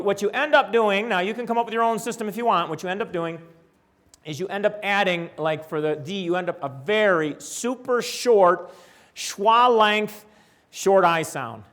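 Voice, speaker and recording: An older man giving a conference lecture on reading, animated and demonstrating speech sounds aloud. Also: sits high. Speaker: presenter. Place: lecture hall.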